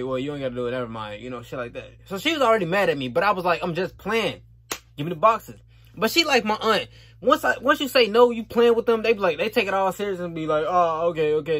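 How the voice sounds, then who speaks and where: A man's voice: high voice, a bit bright. A young man telling a story about his day in a heated, profane rant, often checking in with his listeners. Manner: repeats tag questions like "you feel me". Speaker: vlogger.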